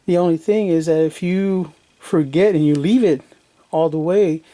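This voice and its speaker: A man with a warm, somewhat high voice and a moderate pace casually demonstrates radio gear hands-on, step by step, in plain terms like a hobbyist. Radio static and background noise fill the noisy recording.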